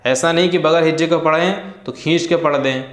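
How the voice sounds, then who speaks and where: A man teaching Quran reading, spelling out letters syllable by syllable in a slow, drawn-out chant and then explaining the rules in quicker plain talk. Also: on the high side, fairly even intonation, echoey room. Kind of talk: slow syllable-by-syllable recitation lesson.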